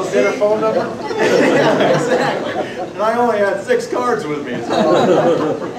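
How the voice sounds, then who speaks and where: A high-voiced presenter with a Pacific Northwest accent leads a lively membership workshop in a meeting hall, telling folksy stories loudly and quizzing the live audience. The recording sounds far off and echoey, with heavy noise.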